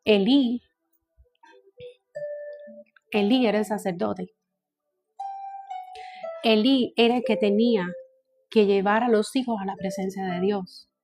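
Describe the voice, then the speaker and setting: A woman's voice: mid-range voice, fairly even intonation, a little slow, pauses often, music in the background. A woman teaching a Bible study, often repeating phrases and checking in with her listeners.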